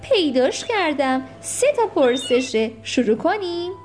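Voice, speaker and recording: A woman's voice: high voice, very animated, a little mellow, soft background music. A woman voicing a kindly winged storybook guide. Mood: patient.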